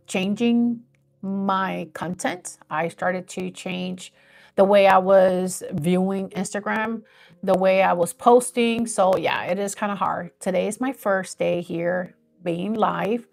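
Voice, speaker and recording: Her mid-range voice carries noticeable vocal fry as she talks on a live stream. She's a woman in her fifties, casual and sincere, wandering a little while explaining how she's growing her page.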